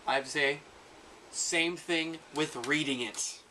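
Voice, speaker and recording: A man's voice: a little high, slow pace, noisy background. A young man chatting casually with friends, chiming in playfully. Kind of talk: casual chat.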